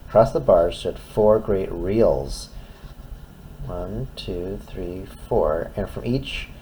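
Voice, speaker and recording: A man's voice: deep voice, expressive, slow, mellow, a little hiss or hum, rough recording. A man reading a children's story aloud expressively, in simple phrases as if to a toddler. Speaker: storytime reader.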